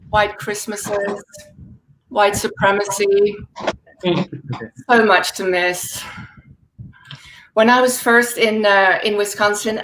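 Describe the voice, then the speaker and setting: A Dutch-raised woman in her forties, a stand-up comedian from the Netherlands, performs a set over a video call with dry deadpan delivery and laughing asides. Her pitch is medium; the low-quality recording has slight background noise.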